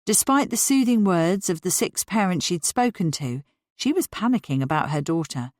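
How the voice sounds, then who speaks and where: A woman narrates an audiobook in a steady, clear way. Her voice sits somewhat low and the sound is dry and close. The reading keeps an even storytelling pace. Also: moderate pace, no room sound. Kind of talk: scripted narration of a novel.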